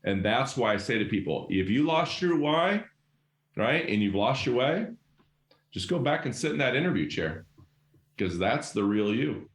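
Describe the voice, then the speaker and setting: A middle-aged guest leadership coach talks emphatically and animatedly in casual conversation, acting out quoted voices as he tells stories passionately. His mid-range voice swings widely in pitch at normal speed, in an echoey room.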